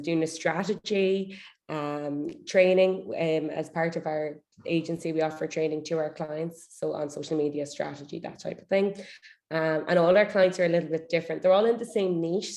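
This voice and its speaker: A woman's voice: deep voice, mellow. A woman with an Irish accent chatting casually as a guest in an interview. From Ireland. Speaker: podcast guest, social media manager.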